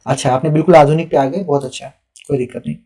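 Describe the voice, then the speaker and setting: A man's voice: on the high side, steady tone, rapid-fire, mellow. A young adult man, a teacher, giving live feedback on students' written answers and reading them aloud in a patient, instructive way. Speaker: teacher evaluating answer sheets.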